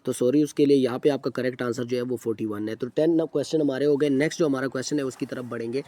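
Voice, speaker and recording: A man explaining practice test answers to students. His voice is mellow and relaxed and sits at a middle pitch. He works through each problem step by step, reads the English question text slowly, and keeps stopping to correct himself with a quick apology. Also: no room sound. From Pakistan. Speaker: test preparation teacher.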